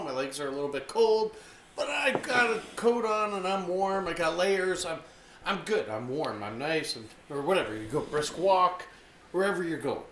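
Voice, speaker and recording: Higher-voiced man in an echoey room. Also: a bit bright, a little hiss or hum. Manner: agreeable, chiming in with backing remarks. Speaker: podcast co-host. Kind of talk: casual chat.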